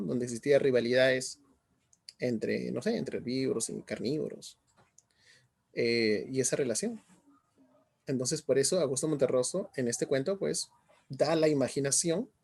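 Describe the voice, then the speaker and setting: A man's voice: medium pitch, vocal fry, a little mellow. A middle-aged male teacher giving an online class, often asking students questions and checking in as he explains. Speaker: language teacher.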